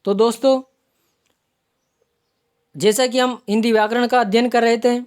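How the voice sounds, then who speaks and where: A woman's voice: a little high, fairly even intonation, a little slow, a little mellow, clean tone. Woman teaching grammar online. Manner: explanatory, repeats terms while pointing them out. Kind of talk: online exam-prep lesson.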